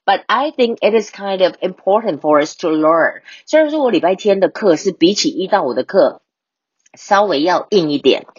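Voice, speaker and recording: Woman teaching English, husky voice. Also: on the low side, animated, no echo. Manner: switches between Mandarin and English, explains vocabulary slowly. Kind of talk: bilingual English lesson podcast. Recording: dull, lo-fi dry recording.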